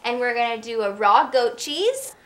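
A woman's voice: fairly high pitch, big pitch swings, normal speed. A young woman co-hosting a casual cooking show, cheerfully walking through each ingredient step by step. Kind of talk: casual recipe walkthrough.

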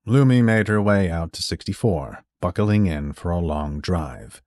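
A man narrating a fan fiction story in an even, measured reading. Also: sits low, dry recording.

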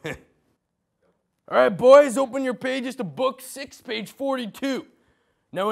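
A young man doing a comic teacher impression of a chummy, rambling English teacher, gushing with drawn-out words. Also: sits high, gravelly, heavily acted. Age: young adult. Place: school classroom.

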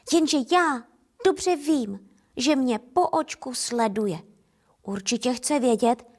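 A Czech woman reading a first-person children's story aloud with a gentle, playful manner. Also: sits high. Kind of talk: first-person fairy tale narration.

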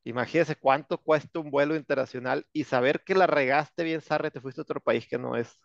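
A male English teacher with a Mexican accent, giving an online lesson in a sarcastic, slangy, joking way. His voice is gravelly with a lot of fry. The sound is dry and dull, like a lo-fi video call. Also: a little high, brisk, no echo. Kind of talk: online class lecture.

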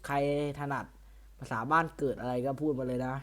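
A man's voice: mid-range voice, fairly even intonation, moderate pace. A man running a roleplay server, interviewing players over voice chat in a blunt, crude, teasing way. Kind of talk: casual voice chat.

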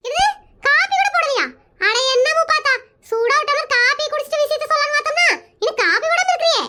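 A woman's voice: extremely high pitch, animated, quick pace, heavy background noise. A woman voicing a nosy, dramatic neighbour woman in a cartoon comedy, speaking in a whining, theatrical, wheedling way.

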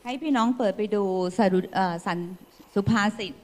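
A woman's voice: medium pitch, moderate pace, big-room sound. A woman interpreting a sermon live, in fluent flowing phrases. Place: church hall.

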